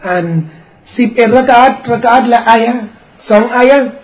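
A man preaching an Islamic sermon, explaining in a relaxed, conversational way and weaving in recited Arabic quotations. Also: extremely high pitch, fairly quick, poor audio. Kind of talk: religious sermon.

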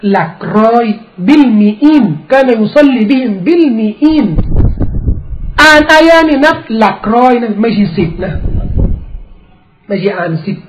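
A man preaching an Islamic sermon, explaining in a relaxed, conversational way and weaving in recited Arabic quotations. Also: very high-pitched, unhurried, a little hiss or hum, poor audio. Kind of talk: religious sermon.

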